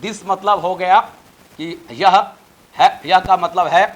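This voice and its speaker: A man with a fairly high voice and an Indian accent teaching an English lesson. He spells out each word letter by letter and stretches his English example sentences slowly. He presses his students to learn the material by heart. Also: steady tone, highs cut off. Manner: lecturing, exhorting students to memorize. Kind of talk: spoken English lesson in Hindi.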